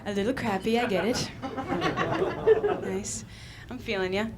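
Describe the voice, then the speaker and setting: A woman's voice: mid-range voice, steady tone, unhurried. A sleep-deprived woman telling stand-up jokes, chatting to the audience in weary, exasperated complaint. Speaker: stand-up comedian. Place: live comedy stage with audience. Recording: live venue with loud crowd.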